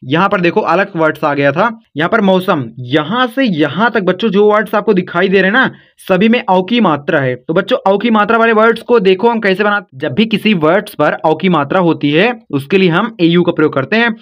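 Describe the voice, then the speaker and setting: A high-voiced man walks beginners through spelling one letter at a time, slow and patient, now and then calling them kids or brother. The recording sounds dull and lo-fi. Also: lively intonation. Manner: slow, step-by-step explaining, calls listeners kids and brother. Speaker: teacher.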